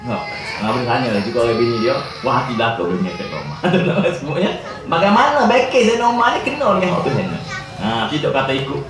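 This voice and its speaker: Kelantan ustaz telling stories in a lecture, voice swings up and down a lot, huge echo. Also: male voice, medium pitch, quick pace. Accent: Kelantan Malay. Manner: animated, jokey storyteller. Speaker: religious lecturer. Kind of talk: religious lecture with storytelling. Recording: echoey hall, distant mic, faint ambience.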